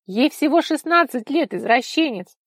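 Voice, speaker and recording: A woman reading an audiobook voices a jealous, scornful young brunette woman with a shrill, mocking way of speaking. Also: steady tone, moderate pace, darkish tone, dry recording, clean studio sound, lightly acted.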